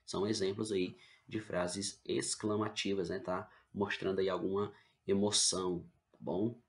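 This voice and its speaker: Low gravelly Brazilian male teacher. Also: level tone, measured pace. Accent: Brazilian Portuguese. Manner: explaining patiently, checking in with "tá bom?" and "né?". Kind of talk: online grammar lesson.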